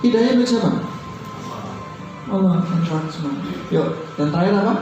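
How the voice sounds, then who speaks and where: Preacher in an echoing hall. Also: male voice, high-pitched, normal speed. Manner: lively, fires questions at the audience and answers them; acts out little dialogues in other voices. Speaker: Islamic preacher. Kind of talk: sermon to a training group. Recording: dull, echoey hall with faint music.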